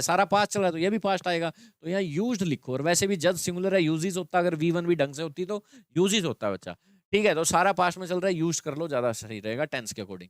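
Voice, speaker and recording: A man's voice: high-pitched, no room sound, clean studio sound. A man teaching an English grammar lesson, explaining in Hindi with English terms and checking in with students often.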